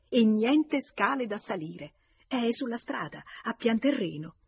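A woman reading a storybook voices an excited young woman, gushing with breathless eagerness. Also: fairly low pitch, slight background noise.

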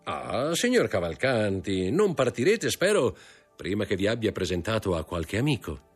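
A man's voice: lowish voice, big pitch swings, moderate pace, breathy edge, faint music behind, voice pushed up. A man doing a polished, courteous nobleman. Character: courteous, commanding nobleman host.

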